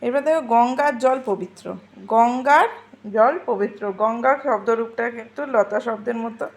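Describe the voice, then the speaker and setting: A woman's voice: on the high side, steady tone. A woman teacher patiently explaining Sanskrit grammar to students, repeating word forms and checking they follow. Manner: patient, repeats forms slowly and asks "ঠিক আছে?".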